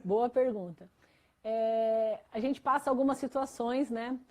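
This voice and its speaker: A woman pastor with a Brazilian Portuguese accent tells an earnest personal story as testimony in a church interview, using many fillers. Her voice sits on the high side, with fairly even intonation and a slightly slow pace.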